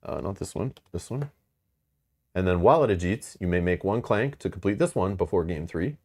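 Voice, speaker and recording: Low-voiced man running a board game. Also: lively intonation, normal speed, a little mellow. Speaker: player reading out game rules and story. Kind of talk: casual board game playthrough chat.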